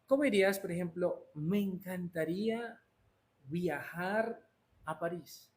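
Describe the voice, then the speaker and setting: Hombre profesor de inglés, voz algo aguda. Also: male voice, sits high, slow pace. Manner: answers students by name, mixes Spanish and English. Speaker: English teacher. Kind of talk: live online class. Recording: roomy echo, faint noise.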